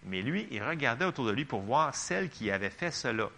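A man's voice: medium pitch, very animated, fairly quick, creaky, pushed and bright, slight background noise. A man with a Québécois French accent preaching a sermon, reading Bible verses and chatting with the congregation in asides. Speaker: pastor.

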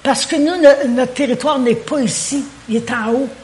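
A woman's voice: sits high, moderate pace. A woman with a Québécois French accent preaching a sermon, talking animatedly and repeating words as she searches for phrasing. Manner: animated, acts out quoted prayers and dialogue.

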